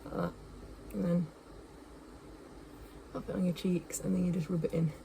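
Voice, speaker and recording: Talking to her phone at home, first in the kitchen and then the bedroom, this young vlogger with a Yorkshire accent rambles, leans on fillers and pokes fun at herself. She speaks at a normal pace in a lowish, mellow voice with vocal fry and little pitch movement. It's a low-quality recording with a slight hiss or hum.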